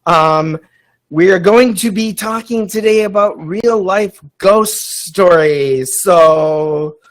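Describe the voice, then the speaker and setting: A man's voice: high voice, takes it slowly. Upbeat man hosting with frequent ums. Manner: enthusiastic, rambling, frequent ums and uhs. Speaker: podcast host. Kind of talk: casual live-stream hosting.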